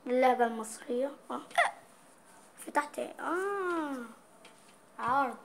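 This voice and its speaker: High-voiced Egyptian woman, playful vlogger. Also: expressive, normal speed, creaky, a little hiss or hum. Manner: playful, reading out dialect words and their meanings. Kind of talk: casual vlog chat.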